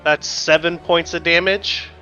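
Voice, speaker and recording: Higher-voiced man playing a tabletop game, slow-paced. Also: little pitch movement, sharp tone. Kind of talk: casual game chat. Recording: dull lo-fi audio, faint music.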